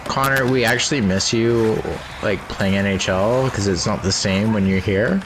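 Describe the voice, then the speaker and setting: A man's voice: fairly low pitch, moderate pace. A young man drunk dialing a friend, chatting casually with slangy teasing and heavy swearing. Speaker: caller. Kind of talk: casual drunk-dial prank chat while gaming. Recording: noisy audio with game ambience.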